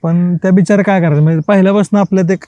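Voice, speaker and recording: With a high, rapid-fire delivery, this male writer tells energetic college anecdotes as a podcast guest, acting out the exchanges in colloquial language and breaking into frequent laughter. There's no room sound in the recording.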